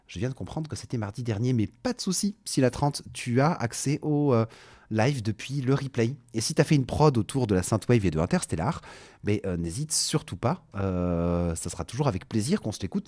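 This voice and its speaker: A man's voice: medium pitch, darkish tone. A man with a French accent hosting a live stream in casual chat, chatty and hesitant with many fillers, speaking into a desk mic with keyboard typing behind. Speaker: livestream host.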